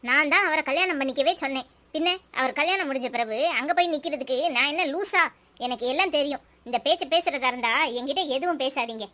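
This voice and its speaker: Voicing a stubborn young married woman in a cartoon, a woman with a Tirunelveli Tamil accent talks fast in a high, bright, forceful voice. Her delivery is curt and defiant.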